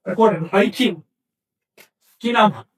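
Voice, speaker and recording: A man teaching an online class, slowly sounding out words syllable by syllable and correcting common mistakes firmly. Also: high voice, far from the mic. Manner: slow, emphatic spelling out of syllables; corrective, insistent.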